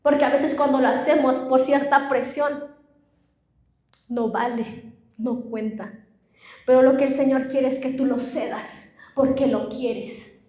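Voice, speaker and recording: High-voiced young woman preaching. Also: a little slow, roomy sound. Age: young adult. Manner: lively storytelling, often addressing the congregation. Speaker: pastor. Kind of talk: sermon with personal anecdotes. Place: church.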